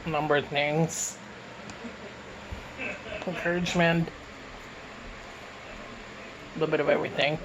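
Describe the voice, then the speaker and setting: A man's voice: a little high, little pitch movement, measured pace, long pauses. Man talking with his mouth full, noisy room. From Canada. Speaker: YouTuber answering viewer questions. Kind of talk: casual mukbang Q and A. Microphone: phone.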